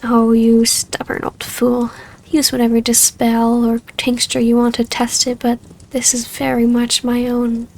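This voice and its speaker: In an ASMR roleplay, a woman voices a wistful, tender vampire baroness, speaking softly and haltingly in an intimate way. Her voice sits on the high side and her delivery is completely flat.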